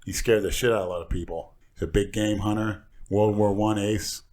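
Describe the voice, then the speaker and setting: A man's voice: fairly low pitch, steady tone, a little fast, a little mellow. A man telling boastful, rambling anecdotes in crude podcast banter. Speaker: podcast host.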